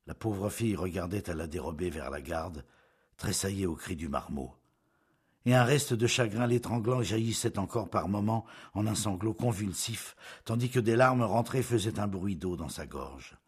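A man narrating a classic novel as an audiobook in a measured, expressive storytelling manner. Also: low voice, slightly rough.

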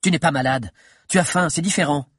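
Storybook role: a man doing a husky, high-pitched, scheming girl advisor, fierce and insistent, swinging widely in pitch. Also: sing-song, unhurried, no echo, clean studio sound, heavily acted. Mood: curt. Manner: urgent, insistent, raised voice.

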